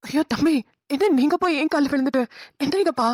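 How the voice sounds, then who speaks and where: A woman's voice: sits high, fast talker, a little mellow, no room sound, clean studio sound, close to an everyday voice. Woman voicing a flustered kind older woman. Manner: urging, flustered.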